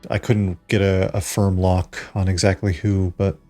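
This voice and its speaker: A man with a fairly low voice narrates as the game master of a tabletop role-playing game. He lays out the world in halting, improvised exposition. Faint music plays behind him. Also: level tone, warm tone. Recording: background music under the voice.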